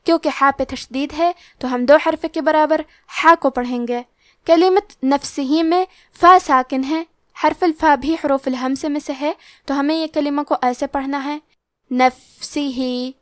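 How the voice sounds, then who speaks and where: A woman's voice: high-pitched, fairly even intonation, a bit bright, dry recording, studio quality. A woman teaching Quran recitation rules, explaining each letter methodically step by step. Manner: chants verses slowly and drawn out. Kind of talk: tajweed lesson with slow chanted recitation.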